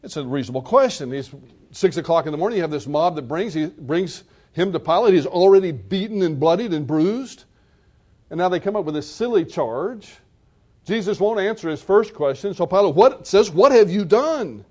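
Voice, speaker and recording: A man's voice: on the high side, animated, a little fast, darkish tone. A man preaching a sermon, retelling a scene in vivid storytelling detail.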